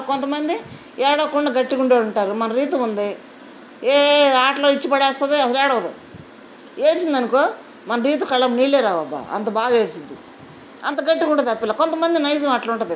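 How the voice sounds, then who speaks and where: High-voiced indignant woman reviewer. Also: a little hiss or hum, low-quality recording. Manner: indignant, fires off rhetorical questions. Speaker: reality show reviewer. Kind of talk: opinionated show review.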